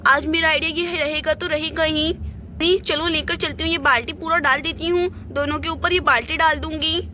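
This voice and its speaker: A woman's voice: high-pitched, fairly even intonation, normal speed, sharp tone, slight background noise. A woman voicing a scolding middle-aged aunt and mother in a doll play story, with a nagging, exasperated manner. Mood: scheming.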